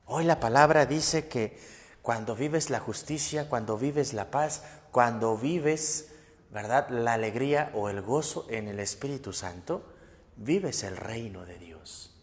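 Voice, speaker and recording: A man's voice: mid-range voice, slow pace, in a large hall. A man giving a sermon, emphatic, repeating key phrases and often adding a questioning tag. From Mexico. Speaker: priest. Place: parish church.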